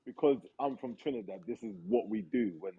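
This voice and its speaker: A man trying to calm and mediate a casual football debate. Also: mid-range voice, a little fast, creaky, phone-quality sound, crowd noise. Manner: calming, mediating.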